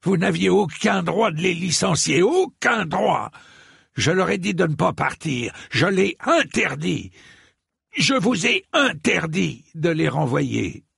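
A proud, indignant old knight who shrieks in high bursts, as a man reading the story puts him on. A gravelly rasp runs beneath the strained, raised voice. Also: slow pace, no room sound, clean studio sound, exaggerated voice. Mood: outraged. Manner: high, shrill outbursts.

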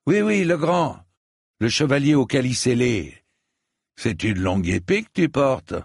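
A man's voice: medium pitch, sing-song, unhurried, gravelly, breathy edge, dry recording, studio quality, voice pushed up, exaggerated voice. A man voicing a haughty, mocking adult knight in an audiobook, raised well above his own voice and full of scorn. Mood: taunting. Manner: sneering, theatrical.

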